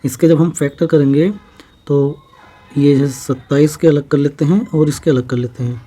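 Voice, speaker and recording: A man with a slightly high, warm voice leads a maths exam-prep lesson. He goes slowly, repeating each step and posing questions that he then answers himself.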